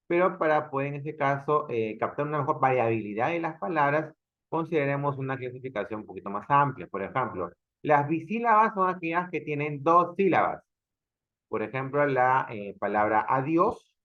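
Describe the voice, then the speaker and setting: A man's voice: mid-range voice, highs cut off. A man from Peru teaching an online grammar class, explaining step by step and often checking with the students.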